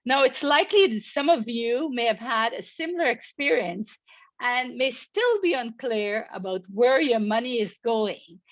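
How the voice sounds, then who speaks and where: A middle-aged woman, an insurance agent, gives a scripted webinar presentation in a measured way, reading prepared remarks. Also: a little high, expressive, dry recording, lo-fi sound.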